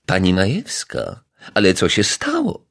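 A polite, mild-mannered detective from a children's audiobook, as the narrator voices him. He talks gently, a touch sheepish, slightly above the narrator's pitch. The tone stays soft and breathy. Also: wildly swooping pitch, a little slow, full character voice. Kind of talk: audiobook character voice.

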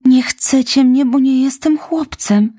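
A woman voicing a young, dramatic, dreamy orphan girl who pleads theatrically, in a high voice. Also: slow pace, mellow, breathy edge, no echo, studio quality, full character voice. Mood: despairing.

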